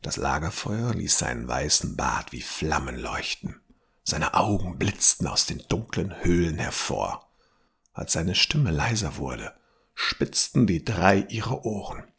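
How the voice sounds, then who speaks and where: A man narrating a fantasy audiobook in a measured storytelling voice that sometimes drops to a whisper. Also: deep voice, very animated, gravelly, a bit bright, slightly rough.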